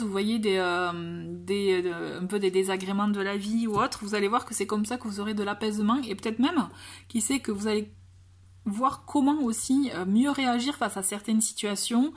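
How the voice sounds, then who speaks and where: Hesitant woman reading oracle cards. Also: medium pitch. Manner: hesitant, many fillers and restarts, gentle and encouraging. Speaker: tarot and oracle card reader. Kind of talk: casual card reading addressed to viewers.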